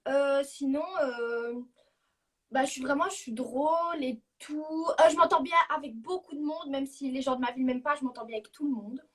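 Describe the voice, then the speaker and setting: A woman's voice: sits high, steady tone, normal speed, far from the mic. A woman guesting on a live stream, chatting casually and self-assured.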